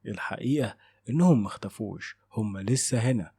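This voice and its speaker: A man with an Egyptian Arabic accent voicing a calm, mysterious old male guardian of a haunted house who speaks quietly and steadily. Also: on the low side, brisk, slightly rough, dry recording, studio quality. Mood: ominous.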